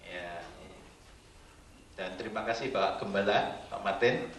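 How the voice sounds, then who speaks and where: In a church hall, a middle-aged guest preacher from Indonesia delivers a sermon and jokes playfully with the congregation. His voice is on the low side and measured in pace, picked up by a distant mic with roomy church sound and a noisy background.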